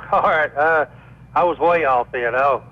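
A man calling in to a radio show over a phone line, asking a question in a hesitant way, with many filler pauses. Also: on the high side. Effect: caller heard over a phone line. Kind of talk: casual call-in question. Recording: slightly dull phone line.

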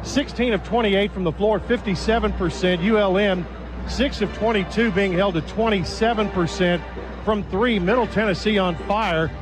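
A man's voice: high-pitched, moderate pace, over music, rough recording. A man with an American accent hosting a sports broadcast, reading halftime statistics.

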